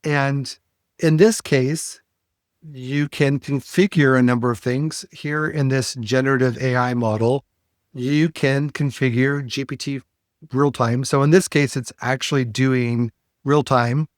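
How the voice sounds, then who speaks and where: A man hosting a podcast, walking through a software demo in a casual, explanatory way with frequent fillers. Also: medium pitch, fairly even intonation, measured pace, dry recording, studio quality. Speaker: podcast host.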